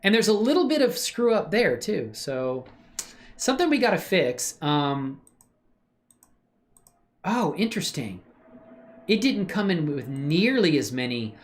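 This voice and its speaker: With a high, very animated voice, a little slow and marked by long pauses, a man hosts a casual livestream of 3D animation work. He chats with viewers in a slangy, easygoing, appreciative way and thinks aloud as he works.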